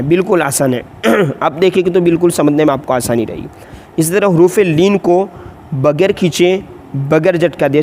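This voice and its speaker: A man teaching a Quran reading lesson, explaining quickly and then chanting letter drills slowly and louder. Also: high voice, a little hiss or hum. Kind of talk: tutorial lesson with slow drawn-out drill recitation.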